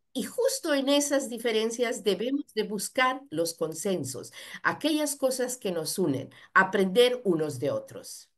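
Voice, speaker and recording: A woman interpreting at a seminar, fluently rendering the speaker's words in the first person. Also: fairly high pitch.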